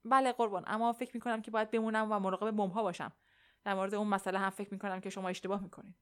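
A woman's voice: mid-range voice, little pitch movement, fairly bright tone, clean tone, lightly acted. A woman reading an audiobook, voicing a nervous young male soldier who evades and pleads with his commanding officer. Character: anxious young male soldier defusing bombs. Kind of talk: audiobook character voice.

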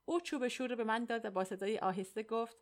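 A woman reading a novel aloud in the first person, in a steady, measured storytelling voice. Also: on the high side. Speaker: audiobook narrator.

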